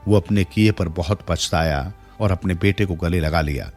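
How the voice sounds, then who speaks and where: A man's voice: low voice, normal speed. A man narrating a moral folk tale in a scripted storytelling style, changing his voice for the characters' lines. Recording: soft music bed behind the voice.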